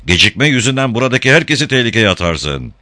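A man voicing a calm, reassuring male companion in an audiobook. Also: mid-range voice, fast, dry recording, voice pushed up.

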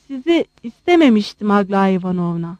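A woman's voice: medium pitch, very animated, brisk, a little mellow, dry recording, pitched below the performer's own voice, close to an everyday voice. A woman reading the part of a timid, bashful young prince who halts and stammers earnestly.

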